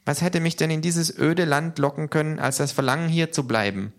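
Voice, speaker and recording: A small male marsupial, anxious and stubborn, as a man puts him on, speaks in a strained high voice that rushes ahead. He sounds pushed and excitable in a read-aloud storybook. His manner is quick and nervy. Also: close to an everyday voice. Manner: high, agitated, rushing.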